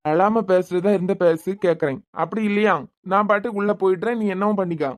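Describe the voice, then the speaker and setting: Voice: mid-range voice, dry recording, studio quality, close to an everyday voice. A voice actor playing a bewildered young husband in a cartoon, pleading with his crying wife. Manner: confused, pleading, quick-talking.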